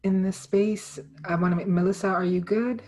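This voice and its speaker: A woman facilitating an online group session, talking in short, relaxed phrases with fillers. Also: mid-range voice, normal speed. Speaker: workshop facilitator.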